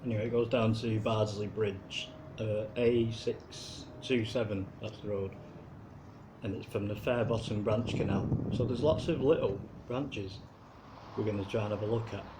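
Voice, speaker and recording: Rambling low-voiced man on a canal walk. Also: fairly even intonation, normal speed, noisy background. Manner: rambling, chuckling asides. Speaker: canal walk video maker. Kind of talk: casual walking commentary. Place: outdoors by a city canal.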